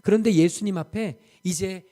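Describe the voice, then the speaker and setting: A male pastor delivers a Sunday sermon in a church. His voice sits slightly high for a man. He tells the story vividly and throws himself into the quoted lines with emphatic swells. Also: moderate pace, mellow. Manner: dramatic storytelling, acting out quoted speech with emphatic rises. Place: church sanctuary.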